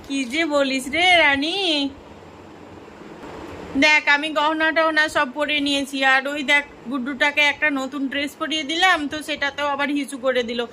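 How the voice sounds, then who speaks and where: A woman voicing a young mother doll who fusses over her baby, repeating soft words to him in a doll-play story. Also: high voice, fairly even intonation, moderate pace, a little hiss or hum. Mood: busy. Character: young Bengali mother doll, fussing and affectionate.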